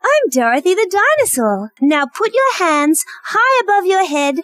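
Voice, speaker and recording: Very high, cheerful Dorothy the Dinosaur. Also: female voice, big pitch swings, unhurried, fairly bright tone, no echo, full character voice. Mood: bright, encouraging. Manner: sing-song, simple, carefully enunciated, addressing small children. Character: cheerful, kindly female dinosaur friend for young children. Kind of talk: children's show character presenting to young viewers.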